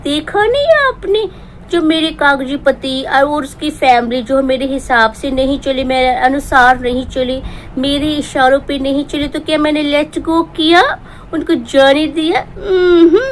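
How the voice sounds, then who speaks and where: A woman doing a jealous, scheming vlogger who rambles in a high, sarcastic voice and slips into fake tears. The comic parody monologue has a faint hiss of noise behind it. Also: animated, a little slow. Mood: fake tearful. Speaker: parody performer.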